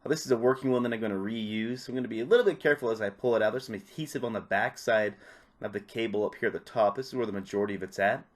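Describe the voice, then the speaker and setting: This repair tutorial comes from a man with a fairly low voice who talks rapid-fire. He narrates casually, laying out hands-on instructions one step at a time.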